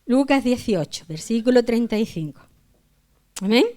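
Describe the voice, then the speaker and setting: Pastora con acento de España, voz algo aguda, lee la Biblia con expresión y ora en voz suave. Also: female voice, on the high side, expressive, normal speed. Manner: reads aloud with feeling, raising her voice on the cries of the blind men; softer, hushed tone when praying. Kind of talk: scripture reading and prayer.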